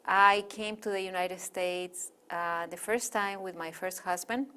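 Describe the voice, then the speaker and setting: A woman's voice: on the low side, steady tone, unhurried, pushed and bright, slight background noise. A middle-aged woman from Chile with a Chilean Spanish accent, a Spanish native speaker, talking as an interview guest in a chatty, rambling way with many fillers.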